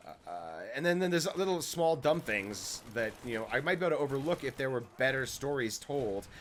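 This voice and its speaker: Man, mid pitch, blunt cynical gamer chat, faint hum behind. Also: animated, a little fast. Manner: blunt and cynical, long lists of complaints. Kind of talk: casual chat while gaming.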